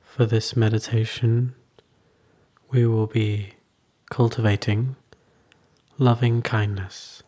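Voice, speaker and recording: A meditation teacher guides listeners in a soothing, unhurried manner, leaving long pauses between short phrases. His voice sits fairly low, with a level tone that is mellow and husky.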